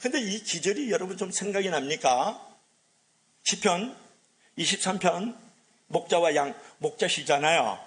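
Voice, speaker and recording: Animated Korean pastor preaching. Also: male voice, sits high, unhurried, long pauses. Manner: animated, with rhetorical questions to the congregation. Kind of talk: sermon.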